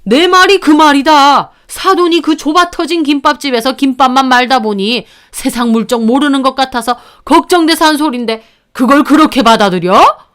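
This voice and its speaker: Angry scolding in-law, played by a woman, very high voice, indignant, narrated story. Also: normal speed, a bit bright. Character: angry older in-law, scolding and self-righteous.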